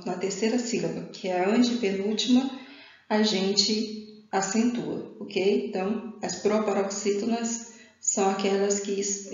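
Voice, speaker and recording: A woman's voice: mid-range voice, a little mellow. A woman teacher walks through a grammar lesson, repeating and correcting herself and checking in with her students. Her voice rings in a very echoey room, and the recording sounds dull and lo-fi.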